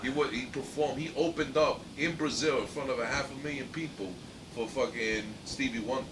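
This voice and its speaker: A man's voice: mid-range voice, fairly quick. A man co-hosting a casual podcast who talks in a laid-back, profane way, like a gleeful prankster. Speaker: podcast co-host. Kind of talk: casual chat. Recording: echoey distant mic with background noise.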